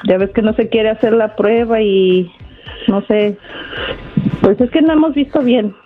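Hesitant woman on the phone. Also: on the high side. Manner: hesitant, halting, many fillers. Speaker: caller. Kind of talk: phone call on live radio. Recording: tinny phone line with music.

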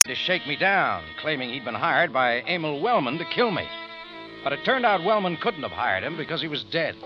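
A man's voice: fairly high pitch, sing-song, moderate pace. Tough guy telling his story, lots of up and down in the voice, dull old radio sound with music. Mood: hard-boiled narration. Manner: clipped and wry. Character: tough hard-boiled male adventurer. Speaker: narrator and lead. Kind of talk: 1950s radio drama acting.

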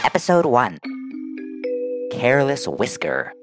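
A man's voice: huge pitch swings, slow. A man playing a dramatic announcer for a retro radio-serial parody. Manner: booming, dramatic announcer delivery. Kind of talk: old-time radio serial narration. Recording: music playing behind.

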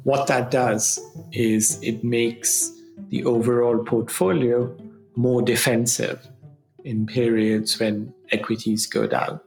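A man's voice: mid-range voice, little pitch movement, takes it slowly, gravelly, a little mellow, soft background music, low-quality recording. A man speaking as an expert guest, explaining in an interview style.

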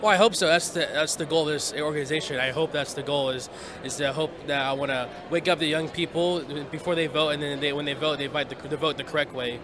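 Man from California, fast and halting, fairly high voice, noisy outdoor setting. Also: fairly even intonation. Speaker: interviewee. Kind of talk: casual interview answers.

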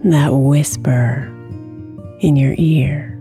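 A woman guiding a meditation in a slow, soft way, with long pauses between phrases. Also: very deep voice, fairly even intonation. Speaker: meditation guide. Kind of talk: guided meditation. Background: soft guitar music.

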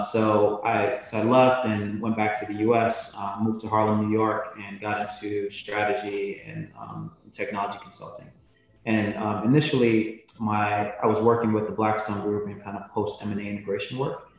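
A man from Jamaica, a venture capitalist, answering interview questions in a measured way with frequent ums. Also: on the low side, very echoey, recorded from a distance, poor audio. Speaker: podcast guest, venture capitalist.

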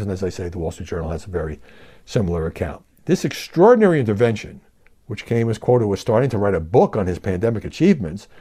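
Animated, mellow-voiced male news commentator. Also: mid-range voice. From Brooklyn, New York. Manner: animated, emphatic, conversational. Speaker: news media commentator and show host.

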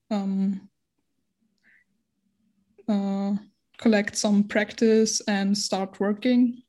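An Austrian woman in her twenties, guest in a casual interview, speaks English as a second language, hesitating and searching for words. Her voice is medium-pitched and a little mellow.

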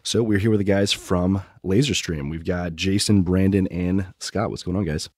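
A man's voice: low-pitched, steady tone, normal speed, a little mellow, dry recording, studio quality. A man co-hosting a podcast in casual chat, with a nasal voice congested from a cold. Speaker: podcast co-host.

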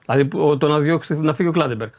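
A man, a sports reporter on a casual radio talk show, explaining at length with restarts and hesitations. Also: fairly high pitch.

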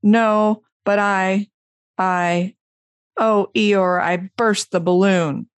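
A woman's voice: mid-range voice, extremely slow, clear, resonant tone, no room sound, pitched above the performer's own voice. A woman voicing a small, timid, apologetic male piglet from a children's storybook, meek and faltering. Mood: upset, faltering. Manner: faltering, meek, anxious to please.

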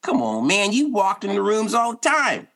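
A man's voice: sits high, wildly swooping pitch, moderate pace, vocal fry, a bit bright. A man talking casually and emphatically, making his points by acting out imagined quotes in everyday speech. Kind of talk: casual animated conversation.

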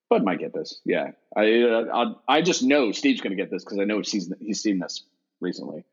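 A man co-hosting a casual movie podcast, rambling with restarts and fillers, often laughing. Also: on the low side. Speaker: podcast co-host. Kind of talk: casual movie-list chat. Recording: dull lo-fi recording.

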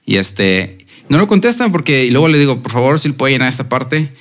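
A man's voice: mid-range voice, a little fast. A man with a Mexican Spanish accent, chatting casually on a podcast and explaining his point with examples. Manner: relaxed, slangy, explains with examples. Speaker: podcast co-host. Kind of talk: casual chat.

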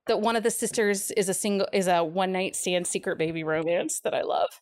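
A woman in a relaxed book chat with friends, speaking at an ordinary middle pitch. She gushes over her favorites with eager, wholehearted enthusiasm. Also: brisk. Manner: gushing, enthusiastic book recommender. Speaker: podcast co-host pitching a book pick.

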